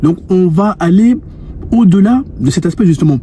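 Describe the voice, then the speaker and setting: This dating and lifestyle coach, a man in his twenties, earnestly addresses the viewer about spirituality and women, restarting often as he tells an anecdote. His voice is high, dark-toned and animated at a normal speed, with a little hiss or hum on the recording.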